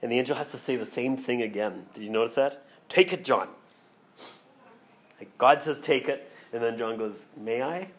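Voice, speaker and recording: A man, a pastor, preaching a sermon and reading scripture aloud with slow, dramatic emphasis. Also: medium pitch. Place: church hall.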